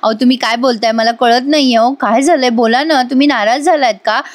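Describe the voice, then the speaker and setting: A talkative young wife pleads and pesters, piling up questions for her silent husband, as a woman reviewer acts her out. The voice sits high and lively, with an insistent, coaxing push. It is serial dialogue retold in a plain voice-over. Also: brisk, natural voice.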